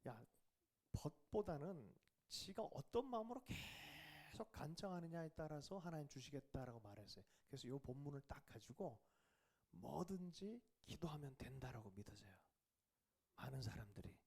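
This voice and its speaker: A man pastor preaching a revival sermon who questions the congregation and drops to a whisper for quiet asides. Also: fairly high pitch, animated, moderate pace, slightly rough. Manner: questions the congregation and asks for replies.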